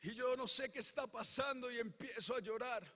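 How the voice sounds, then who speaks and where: A Colombian pastor preaches his testimony in a very high, bright, tense voice at a moderate pace. His impassioned delivery swings from hushed storytelling to fervent, shouted proclamation, all echoing with the long reverb of a large church hall.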